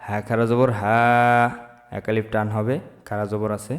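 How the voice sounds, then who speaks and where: A man teaching Quran reading, spelling out letters and vowel marks slowly and then chanting the words drawn out. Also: on the low side, little pitch movement, big-room sound. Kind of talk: slow spelled-out Quran recitation lesson.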